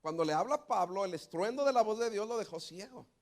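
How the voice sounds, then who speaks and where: A man's voice: high voice, expressive, quick pace. A middle-aged man, preaching a sermon and telling a story with acted-out quotes. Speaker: pastor.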